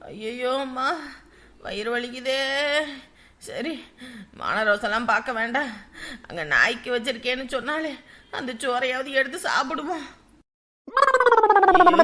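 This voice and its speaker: Middle-aged mother-in-law, high bright voice, self-pitying muttering. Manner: grumbling to herself, self-pitying. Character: hungry, scheming village mother-in-law. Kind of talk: village web-series drama.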